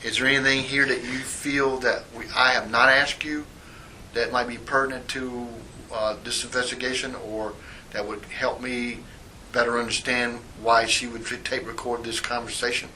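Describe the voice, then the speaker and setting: The tape is rough and faintly hissing: an internal affairs sergeant in an interview room questions a witness under oath. He speaks at a medium pitch with a flat, pushed, bright delivery, measured and procedural as he reads formal statements.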